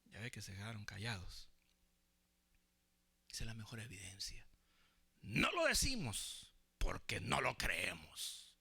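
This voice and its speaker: A male pastor preaching a sermon, calling the congregation "hermano", swinging between near-whispered asides and shouted emphasis. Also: on the low side, gravelly, breathy edge.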